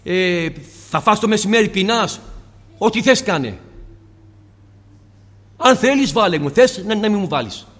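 A male preacher giving an impassioned sermon, firing off rhetorical questions and dropping suddenly to a soft tone. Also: high-pitched, expressive, long pauses, long reverb tail.

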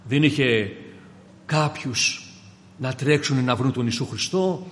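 A man preaching a sermon to his congregation, fervent and swinging from hushed passages to loud ones, often calling them brothers. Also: medium pitch. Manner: keeps addressing the congregation as brothers. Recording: long reverb of a large hall.

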